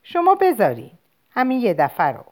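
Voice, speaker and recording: Woman doing a bright playful little girl. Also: huge pitch swings. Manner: bright, coaxing, higher childish pitch. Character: lively young girl, playful and proud. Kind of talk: audiobook character voice.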